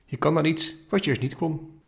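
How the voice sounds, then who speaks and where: A kind old grandfather in a read-aloud children's story, as a male narrator puts him on. He speaks gently and patiently, caring and explaining things to his grandson. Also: on the high side, moderate pace, creaky, voice pushed up. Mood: gentle.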